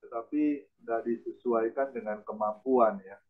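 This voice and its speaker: A man's voice: mid-range voice, fairly even intonation, a little slow. A man hosting a church video call, talking casually and ending his phrases with a questioning "ya". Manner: chatty, ends phrases with "ya". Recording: tinny phone-like line.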